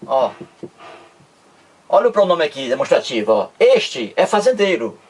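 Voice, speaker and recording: A man teaching grammar to online viewers in a casual lesson. He keeps saying "look here" and slows way down to stress example phrases. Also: a little high, very animated, husky.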